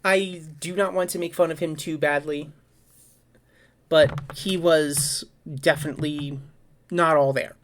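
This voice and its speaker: Woman, lowish voice, solo casual vlog chat, rambling, informal, self-correcting. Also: fairly even intonation, measured pace, a little hiss or hum. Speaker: vlogger.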